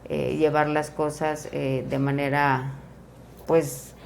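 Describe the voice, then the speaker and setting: A woman's voice: low-pitched, little pitch movement, slow pace, gravelly, a little mellow, a little hiss or hum. A woman hosting an interview, chatty and fond of acting out everyday scenes. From Mexico. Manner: chatty, acts out everyday scenes, many fillers. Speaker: host. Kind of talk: interview talk.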